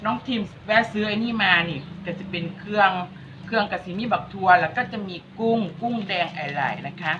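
A woman's voice: medium pitch, brisk, background noise. Chatty Isan woman, lo-fi sound. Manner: chatty, teasing, talks straight to viewers. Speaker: vlog host. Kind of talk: casual cooking vlog chat. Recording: dull lo-fi recording.

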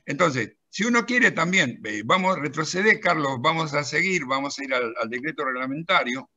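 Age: middle-aged. Sex: man. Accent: Rioplatense Spanish. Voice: bright, lively pitch. Audio: lo-fi video call. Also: normal speed. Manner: animated, telling an anecdote and directing a helper at the screen. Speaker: presenter of a pension-law software and magazine. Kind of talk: live software demonstration on a video call.

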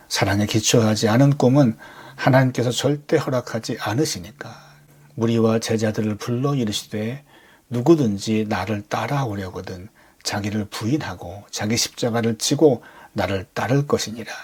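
A man's voice: fairly low pitch, darkish tone, husky. A man preaching a Sunday sermon as a pastor, talking conversationally and firing off rhetorical questions.

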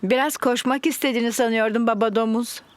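A woman voicing a kindly, sensible, gently teasing mother pig in a children's cartoon dub. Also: a little high, steady tone, fast, a little hiss or hum, lightly acted.

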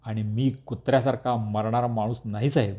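A man voicing a defiant middle-aged village headman who speaks out loudly and forcefully, on a dull lo-fi recording. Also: mid-range voice, steady tone, brisk, close to an everyday voice. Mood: stern. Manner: loud, forceful, indignant outbursts.

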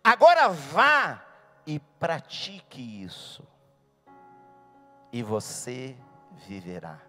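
A man voicing Jesus as a gentle, calm teacher, speaking lower and more softly. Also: very slow, soft background music, heavily acted. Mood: gently amused.

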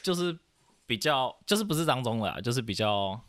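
A man's voice: mid-range voice, sing-song, brisk, fairly bright tone, no room sound, clean studio sound. A young man from Taiwan talking casually as a podcast guest, rambling and hesitant, with many fillers and restarts. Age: young adult. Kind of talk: casual chat.

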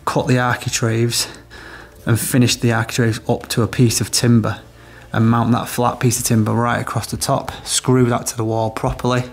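Working inside a house in a small room, an electrician in his thirties walks through a job step by step as he demonstrates a product. He has a medium-pitched, creaky voice with a flat delivery at a moderate pace.

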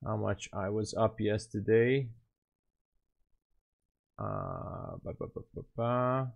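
A man's voice: on the low side, steady tone, takes it slowly, creaky, no room sound, dull audio. A man in his late thirties chatting casually on a live trading stream, rambling and thinking aloud as he answers chat from a small room. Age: 30s. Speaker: day trading livestreamer.

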